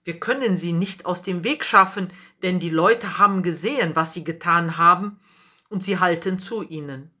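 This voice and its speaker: A woman voicing stern, indignant temple priests in a storybook reading, speaking in a raised, higher voice. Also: normal speed, sharp tone. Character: stern angry temple priests, older men.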